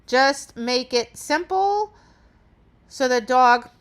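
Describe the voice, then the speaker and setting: A woman's voice: sits high, lively intonation, drawn-out words, fairly bright tone, clean tone. A woman dog trainer talking through a training demonstration, explaining each step and checking in with "right?". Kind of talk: instructional demonstration.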